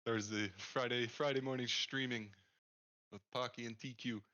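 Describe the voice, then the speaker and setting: A man's voice: medium pitch, steady tone, moderate pace, bright, forceful tone, no echo, highs cut off. A man hosting a live trading stream in laid-back, casual chat, laughing often and filling his talk with "like" and "man". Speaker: stream host.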